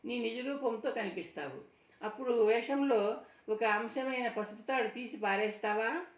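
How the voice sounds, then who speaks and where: A woman's voice: a little high, moderate pace, close to an everyday voice. A woman voicing a protective young man who grows flustered and angry, reading his lines in an audiobook. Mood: agitated. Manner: agitated, exclaiming. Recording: roomy sound from a distant mic.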